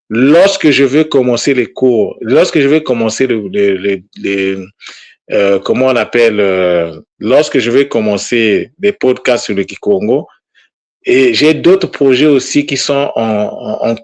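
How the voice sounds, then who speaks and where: A man teaching his followers in an informal monologue, earnest and exhortative, talking about himself in the third person and pausing often with fillers and repeated words. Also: mid-range voice. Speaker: Kikongo language teacher.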